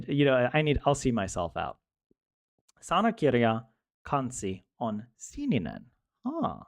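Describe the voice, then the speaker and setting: With a medium-pitched voice and no room sound, a young man studying a language chats casually with viewers on his stream. He jokes and laughs a lot, rambling and restarting often.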